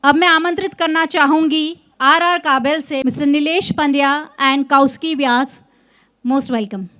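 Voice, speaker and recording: High-pitched booming woman prize announcer, Indian accent. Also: a bit bright. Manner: drawn-out, emphatic delivery of results.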